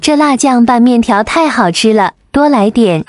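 A woman's voice: a little high, lively intonation, moderate pace. A woman in a comic couple's eating show, talking through a mouth full of meat as she gloats over the food. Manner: gloating, savoring the food aloud.

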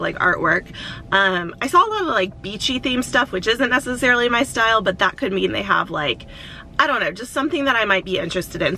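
Chatty bright-voiced woman vlogger. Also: medium pitch, slight background noise, rough recording. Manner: chatty, lots of "like" fillers. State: morning voice, just woke up. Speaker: vlogger, reseller. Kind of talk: casual vlog chat. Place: Atlanta area.

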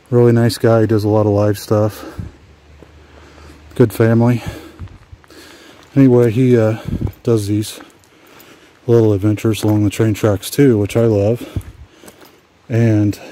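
A man from Washington State chatting casually as he walks along old railway tracks, rambling and relaxed with frequent fillers. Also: lowish voice, slight background noise. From Washington State, USA. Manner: talks while walking outdoors. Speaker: adventure vlogger. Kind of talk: casual hiking vlog commentary. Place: outdoors on abandoned railway tracks.

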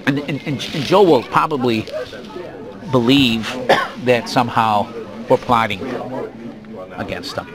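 Through a hidden wire under clothes, with clear restaurant chatter around, a man talks privately about work. His delivery is casual and conversational. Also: mid-range voice, slow, pauses often, rough recording. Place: busy restaurant, indoors. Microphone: hidden body wire under clothes.

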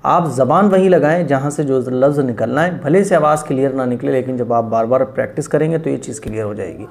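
A man teaching Quran pronunciation, patiently stretching out letter sounds and often asking whether it is clear. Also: mid-range voice, darkish tone. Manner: slow, drawn-out demonstration of letter sounds; patient, repeats each sound and asks if it is clear. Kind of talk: pronunciation lesson.

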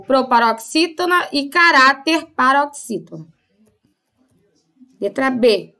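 A woman teaching young pupils, with a high, bright voice. She goes through each point slowly and patiently, checking in with the class as she goes. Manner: patient, explains step by step with frequent "tá?" and "né?" check-ins. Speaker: primary school teacher. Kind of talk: classroom lesson explanation.

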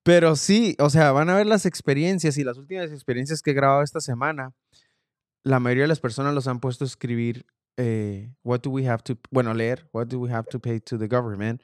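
A man's voice: medium pitch, fairly even intonation, brisk, dry recording, studio quality. A man hosting a casual interview, chatty and addressing listeners directly. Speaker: host.

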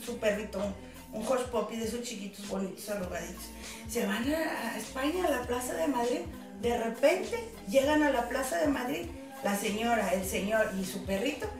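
High-voiced woman telling jokes. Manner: animated, laughs through her punchlines. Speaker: guest actress. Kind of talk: chatty joke-telling. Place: TV studio. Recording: echoey studio, far from mic, music behind.

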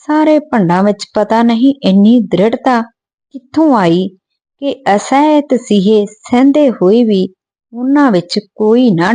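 A woman narrating a history book aloud, steady and earnest. Her voice is dark and mellow, and the recording is dry and close with no room sound. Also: mid-range voice, no room sound. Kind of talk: storybook narration.

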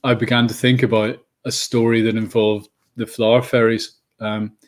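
A middle-aged children's book author from Northern Ireland chats as a guest in a casual interview over a video call from a room at home. His voice is low and flat, and he's hesitant, often pausing with ums and restarting sentences.

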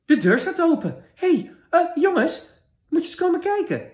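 A small, bustling dwarf miner with a high, squeaky voice that rushes along in excitement, as a man reading a fairy tale puts him on. He sounds far brighter and higher than the narrator. The room gives a roomy echo. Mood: astonished. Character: excited little male dwarf, a cheerful miner.

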